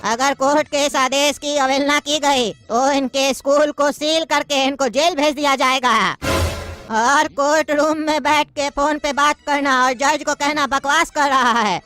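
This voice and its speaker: A woman's voice: sits high, steady tone, a little slow, fairly bright tone, soft background music. A woman voicing a pompous old male judge near retirement in a cartoon comedy, speaking in a bossy, mocking, lecturing way. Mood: stern.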